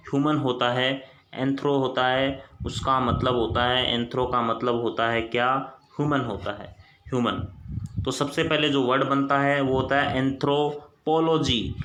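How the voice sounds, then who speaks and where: A man's voice: medium pitch, a bit bright. A man teaching English root words, repeating each point as a question he then answers himself. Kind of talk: Hindi screen-recorded lesson. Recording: echoey room.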